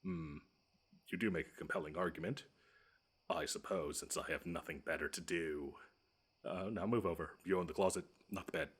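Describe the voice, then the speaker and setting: In this audio drama, a man voices a pompous, grumbling male monster beneath a child's bed, using a low, rough register that sounds sardonic and menacing. His mood is grudging, and his scripted monologue is wordy and drawn out, menacing with dry sarcasm.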